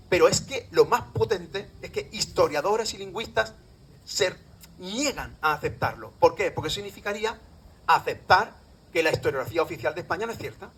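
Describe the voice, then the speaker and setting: A middle-aged man with an Andalusian Spanish accent, lecturing a live audience with a slightly raised pitch. He keeps the room engaged, tossing questions out to the listeners as he explains. A faint hiss of noise sits behind his voice. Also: a bit bright, low-quality recording. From Andalusia, Spain. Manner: engaging, often quizzes the audience. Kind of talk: live public talk to an audience.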